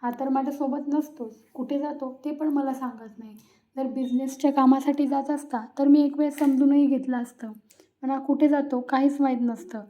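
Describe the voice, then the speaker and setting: A woman's voice: high voice, steady tone, moderate pace, dark tone, lightly acted. Woman reading an angry pregnant young wife. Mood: reproachful. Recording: tinny phone-like sound.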